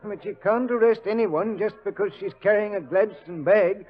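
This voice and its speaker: An earnest, matter-of-fact officer with a notably high voice. The sound is muffled and lo-fi, like an old radio broadcast. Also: male voice, normal speed. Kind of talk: 1940s radio acting. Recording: dull lo-fi 1940s radio recording.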